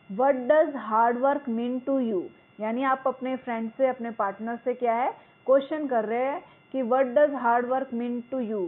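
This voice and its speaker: A woman teacher takes a lesson at an unhurried pace. Her voice sits a little high, and she reads the English lines out deliberately before explaining them. The sound is thin and narrow, as if heard over a phone line.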